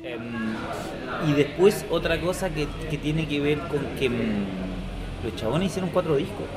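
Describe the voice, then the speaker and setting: A man's voice: a little high, lively intonation, a little slow, a loud crowd, poor audio. A man, co-hosting a casual podcast discussion and thinking aloud with many fillers. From southern Chile. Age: 30s. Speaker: podcast co-host.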